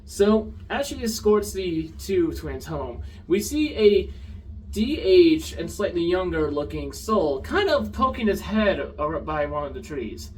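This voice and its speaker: A young man giving a casual, sarcastic TV show review, now and then getting loud. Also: high-pitched, unhurried, far from the mic, rough recording. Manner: animated, sarcastic, gets loud.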